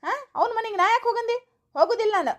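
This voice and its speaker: Woman as a cranky older father-in-law, North Karnataka accent, very high and animated pitch. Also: quick pace. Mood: stubborn. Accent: North Karnataka Kannada. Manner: gruff, argumentative, questioning. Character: grumpy older village husband, father-in-law. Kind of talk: comedy skit.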